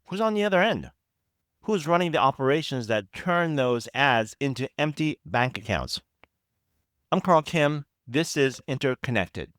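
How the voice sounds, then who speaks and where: A man hosting a podcast, giving scripted investigative narration in a measured, reflective way with deliberate emphasis. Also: mid-range voice, fairly bright tone, dry recording. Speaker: podcast host.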